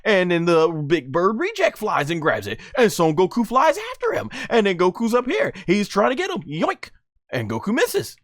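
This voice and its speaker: A man doing excited anime fight commentary in hyped wrestling-style banter, often stammering and restarting. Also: sits high, moderate pace, hardly any pauses, no room sound.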